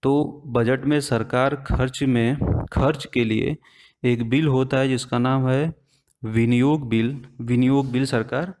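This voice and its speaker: Slow and darkish in tone, a male teacher's middle-pitched voice carries an exam-prep lesson forward step by step. His intonation is fairly even, and he often asks the class a question, then answers it himself.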